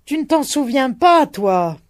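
A reader voicing an old, worn-out peasant laborer who shouts his bitterness against the wind. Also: mid-range voice, expressive, slow, no echo, clean studio sound, pitched above the performer's own voice. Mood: bitter outcry.

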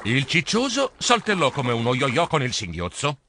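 Animated male children's audiobook storyteller. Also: medium pitch, normal speed, a little hiss or hum.

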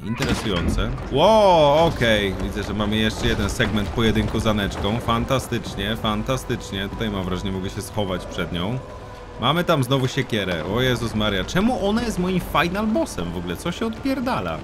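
A young man commenting on a horror game as he plays, swearing often, shouting in panic and dropping to a quiet mutter. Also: moderate pace. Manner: excitable, swears a lot, yells in panic, then drops to a low mutter. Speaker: gaming YouTuber. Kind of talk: let's play commentary. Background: game music.

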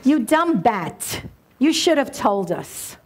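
A woman acting as a teasing, wisecracking old friend of the bride's mother, speaking slowly in an amateur stage scene. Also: a little high, very animated, exaggerated voice. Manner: teasing, laughing.

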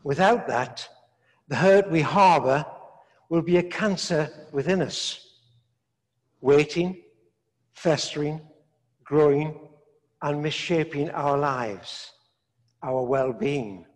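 An older man, a priest, preaching a sermon in slow, measured phrases with long pauses, recorded in a large stone church. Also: a little high. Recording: echoey church from a distance.

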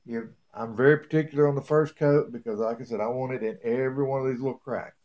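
A man's voice: medium pitch, steady tone, quick pace, darkish tone, highs cut off. Folksy man in his workshop. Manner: plain-spoken, folksy, rambling asides. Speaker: beekeeper showing a woodworking build. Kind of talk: casual how-to demonstration. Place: home workshop.

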